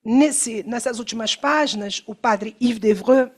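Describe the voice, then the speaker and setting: A Brazilian Portuguese-accented woman giving an academic workshop talk, wandering through fillers and self-corrections and checking in with the audience, slowing down to stress key terms. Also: on the high side. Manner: discursive, many fillers and self-corrections, asks listeners "né?". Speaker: academic speaker. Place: lecture room.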